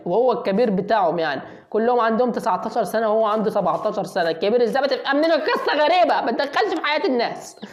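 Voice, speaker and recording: A woman with an Egyptian accent giving playful voice-over commentary on a video. She teases the people on screen like a mock sportscaster and sometimes breaks into excited yells. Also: a little high. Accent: Egyptian Arabic.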